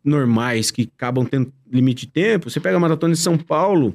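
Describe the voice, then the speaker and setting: A man's voice: fairly high pitch, lively intonation, quick pace, darkish tone. A man, telling his marathon story in casual chat, with enthusiasm.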